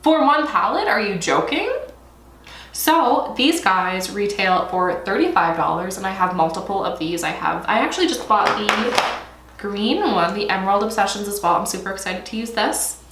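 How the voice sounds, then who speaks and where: A woman's voice: mid-range voice, lively intonation, moderate pace. A young woman chatting through a makeup tutorial, a little stuffy from allergies, swearing playfully and breaking into squeals. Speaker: beauty vlogger. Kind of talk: casual makeup tutorial chat. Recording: echoey room, faint noise.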